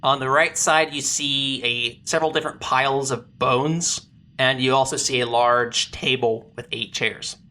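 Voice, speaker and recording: A game master narrating a comedic tabletop game, describing scenes in plain detail and pausing now and then to search for words. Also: medium pitch, steady tone, bright, forceful tone.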